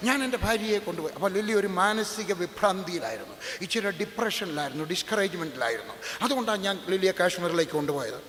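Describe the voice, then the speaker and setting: A man's voice: high-pitched, fairly bright tone. A middle-aged man from Kerala preaching a sermon, emphatic and repetitive with humorous asides. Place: church hall. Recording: echoey church hall, faint noise.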